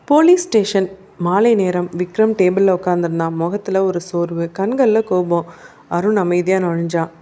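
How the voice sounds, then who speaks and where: A woman narrating a crime thriller audiobook in a steady, even storytelling manner. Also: fairly low pitch, normal speed.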